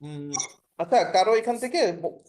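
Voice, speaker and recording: With a Bangladeshi Bengali accent, this man teaches an online language class over a video call in a high, animated voice with a darkish tone at a moderate pace. He explains patiently, repeats points, and often checks that students are following.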